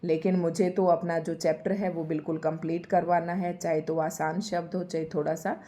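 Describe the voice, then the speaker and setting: A woman's voice: lowish voice, flat delivery, normal speed, mellow. A woman teaching a Hindi spelling lesson for exam preparation. She explains patiently and says each word again and again to stress how it is spelled.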